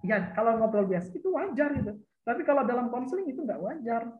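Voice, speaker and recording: A woman with a fairly high voice teaches school counselors, explaining each point patiently and circling back to repeat it. Her talk is dotted with little tag words as she checks that the listeners follow. The recording sounds roomy and dull, like a lo-fi capture in an echoing space. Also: lively intonation, fast talker. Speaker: counseling lecturer.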